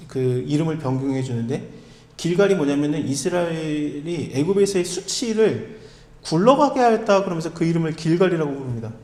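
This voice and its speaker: Male pastor, fairly high and very lively delivery, chatty expository sermon, rhetorical questions, booming reverberant hall. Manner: conversational, asks the listeners rhetorical questions. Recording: echoey hall with long reverb.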